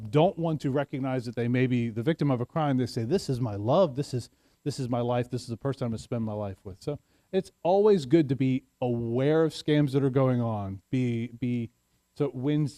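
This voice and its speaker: A man's voice: mid-range voice, dark tone, no echo. A man giving a community talk on scams, chatty and often checking in with the audience. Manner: conversational, asks the audience "right?". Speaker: sheriff's office speaker. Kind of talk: community presentation.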